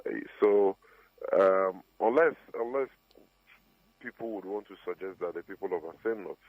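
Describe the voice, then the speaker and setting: A deep-voiced man speaks slowly and emphatically, pausing between phrases. His voice arrives through a fuzzy, distorted phone line that sounds thin and tinny. The sound is dry, with no room around it. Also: no room sound. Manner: measured, emphatic denial with pauses. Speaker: party communications officer.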